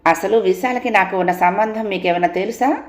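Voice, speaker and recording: A woman voicing a bold, talkative young wife who scolds and teases in a quick, playfully bossy way. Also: medium pitch, natural voice. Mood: scolding. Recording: roomy echo.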